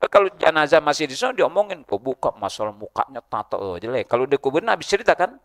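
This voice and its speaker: A middle-aged male preacher, giving a humorous mosque sermon and chanting Arabic verses slowly. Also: on the high side, sing-song, fairly bright tone.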